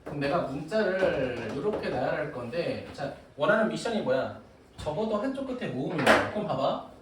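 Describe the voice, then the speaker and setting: A man's voice: a little high, very animated, a little fast. A man teaching a math class, joking and teasing his students as he explains. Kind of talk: classroom lecture. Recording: echoey room, recorded from a distance with noise.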